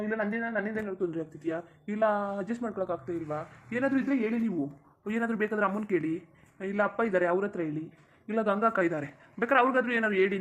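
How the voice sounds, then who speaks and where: A performer doing a young husband in a cartoon who keeps reassuring his wife in a soothing way. He speaks very fast at a mid pitch. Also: close to an everyday voice. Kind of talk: cartoon voice acting.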